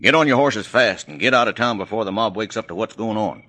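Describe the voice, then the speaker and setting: A man playing a stern, commanding Western sheriff with gruff, folksy talk in an old-style drama. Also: fairly low pitch, fast talker, sharp tone. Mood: urgent, commanding. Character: stern Old West sheriff threatening a hanging.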